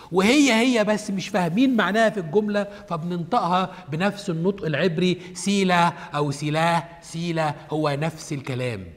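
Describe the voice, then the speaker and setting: A man's voice: high-pitched, fairly bright tone, big-room sound. A man with an Egyptian Arabic accent teaching the Bible on television, asking himself questions and answering them, repeating each point step by step.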